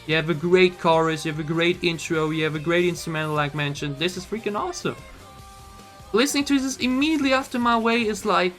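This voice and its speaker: A man reviewing songs in an excited reaction video, talking emphatically with lots of slang while losing his voice a little. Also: fairly high pitch. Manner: enthusiastic, emphatic, says "y'all" and "freaking" often. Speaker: music reaction YouTuber.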